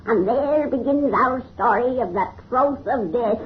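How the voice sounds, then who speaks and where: A woman's voice: a little high, highs cut off. Cackling ancient witch, old noisy radio. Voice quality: cracked, cackling old crone voice. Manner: folksy rustic speech, gleefully macabre. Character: cackling 117-year-old witch, gleefully sinister storyteller. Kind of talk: 1930s radio horror hosting.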